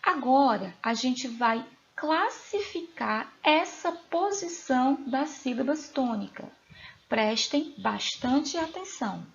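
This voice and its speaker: A woman with a Brazilian Portuguese accent, a teacher giving a recorded lesson to young pupils, asking them questions slowly and clearly. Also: sits high, lively intonation, highs cut off. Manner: slow, clear, questioning delivery to children. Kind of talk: recorded remote school lesson.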